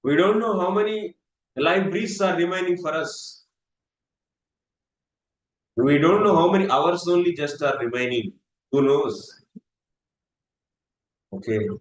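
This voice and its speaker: A man giving a scripture class, speaking in an earnest, repetitive way. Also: on the high side. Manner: earnest, repetitive, swings between slow and fast. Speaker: spiritual teacher. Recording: echoey room with faint noise.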